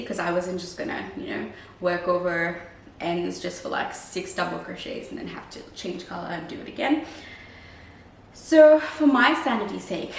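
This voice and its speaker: A croaky woman rambles casually through a vlog explanation, sounding a bit unwell. She is recorded slightly away from the mic in a roomy space with faint noise. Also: medium pitch, far from the mic. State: croaky voice from oncoming illness. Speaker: crochet vlogger. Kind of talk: casual chat to camera, vlog.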